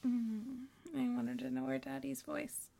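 A young woman in an intimate, whispered roleplay, speaking softly with gentle hums between lines. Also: high-pitched, flat delivery, a little slow, vocal fry. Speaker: roleplaying a pregnant wife.

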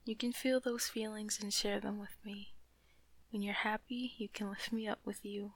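Soft gravelly woman, slow and even, whispery comfort roleplay, dry close sound. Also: medium pitch, dry recording. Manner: soft, soothing, often whispered. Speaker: loving partner in roleplay.

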